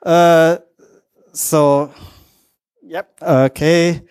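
A man who is not a native English speaker gives a lightning talk presentation in a halting, hesitant way, in short fragments. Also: fairly high pitch, little pitch movement, darkish tone, smooth. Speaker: conference speaker.

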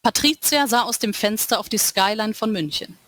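Woman author, reading her own novel aloud, casual asides, bright tone, dry close sound. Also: medium pitch, animated, moderate pace, no room sound. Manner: casual, with fillers between reading passages. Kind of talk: reading and chatting with listeners.

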